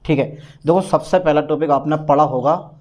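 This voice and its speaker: A man teaching a physics exam-prep lesson, repeating key phrases slowly and stressing what matters for the exam. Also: a little high, darkish tone.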